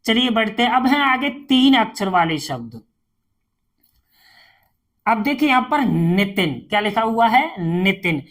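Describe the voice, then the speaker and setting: A woman's voice: a little high, very animated, measured pace, pauses often. A woman tutoring a beginner spelling lesson, reading each word, spelling it letter by letter, then repeating it. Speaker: English tutor.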